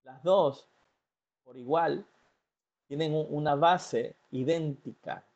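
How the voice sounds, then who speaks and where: A man's voice: fairly high pitch, takes it slowly, darkish tone, highs cut off. A man, giving a motivational talk as a life coach and speaking earnestly and directly to the listener, with frequent fillers and restarts. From Ecuador.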